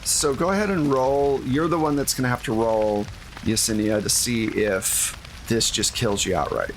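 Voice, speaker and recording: A man with a medium-pitched voice narrates a tabletop roleplaying game as game master, casual and conversational at a moderate pace. The recording is rough, with a faint rain-like noise behind him.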